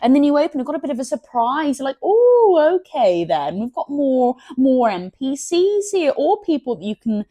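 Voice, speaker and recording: A woman's voice: high voice, expressive, a little fast, few pauses, mellow, dry recording. A woman hosting a gaming channel, chatting enthusiastically about box art and often stumbling over her words. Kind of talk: casual unboxing commentary.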